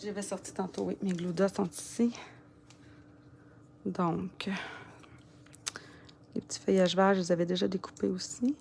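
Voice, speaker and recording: A woman's voice: medium pitch, little pitch movement, normal speed, vocal fry, long pauses, darkish tone, a little hiss or hum. A woman with a Quebec French accent giving a casual crafting tutorial, chatting and muttering to herself as she works. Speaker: papercraft demonstrator.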